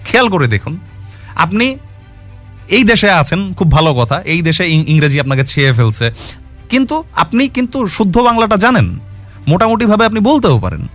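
A man's voice: high voice, sing-song, moderate pace, long pauses, a bit bright, soft background music. A man giving an earnest explanatory talk, arguing his point with rhetorical questions and dropping English words into his speech. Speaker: commentator on language.

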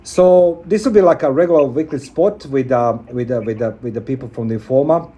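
Male radio host, warm mellow tone, mid pitch, rambling, repeats words, uh and you know. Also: fairly quick, muffled recording. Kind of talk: radio talk show interview.

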